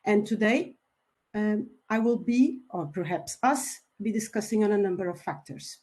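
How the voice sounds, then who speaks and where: A woman's voice: mid-range voice, normal speed, a little mellow. Polite Portuguese-born woman presenting online. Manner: polite, slightly hesitant with fillers. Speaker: webinar speaker, company founder. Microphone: video call.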